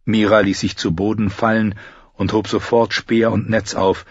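A man narrating a fantasy audiobook in a steady, even storytelling manner. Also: lowish voice, moderate pace, breathy edge, dry recording, highs cut off.

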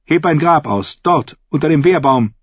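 A man's voice: a little high, a little slow, dry recording, dull audio, voice pushed up. A man voicing a grim woman knight who speaks sternly and curtly. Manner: stern and curt.

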